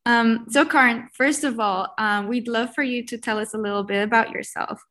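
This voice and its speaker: A woman's voice: on the high side, fairly even intonation, normal speed, fairly bright tone. A woman in her twenties hosting a student podcast, reading a friendly intro and asking polite, slightly hesitant questions. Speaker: podcast host.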